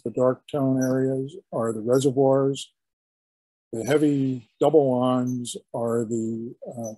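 An older man, a historian, giving an illustrated lecture in a halting, explanatory way with frequent restarts. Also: mid-range voice, warm tone, no room sound, rough recording. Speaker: historian giving a guest talk.

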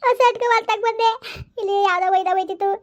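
A tender, fretful old village mother, acted by a woman, with a lilt. Her voice sits very high and the words tumble out quickly as she fusses and consoles, leaning on God in every other breath. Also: steady tone, highs cut off. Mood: anxious. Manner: fussing and consoling, invoking God. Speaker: mother of a banished son.

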